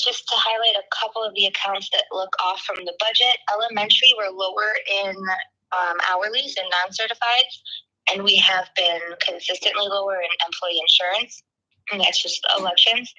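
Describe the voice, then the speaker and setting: A woman calls in on a speakerphone to go through a financial report. Her voice is very bright and sharp. She moves through the figures item by item in a steady, businesslike way. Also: medium pitch, low-quality recording. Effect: heard over a speakerphone.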